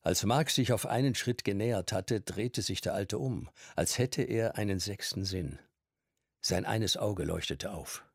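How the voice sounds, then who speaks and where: Deep, gravelly male audiobook narrator. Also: measured pace, no room sound, clean studio sound. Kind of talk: scripted narration of a novel.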